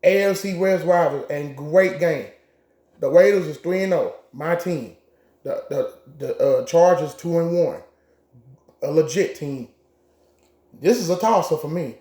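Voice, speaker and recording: A man's voice: a little high, measured pace, dark tone. A man co-hosting a casual sports chat, giving blunt picks with profane trash talk. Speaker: co-host making game picks. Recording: echoey room.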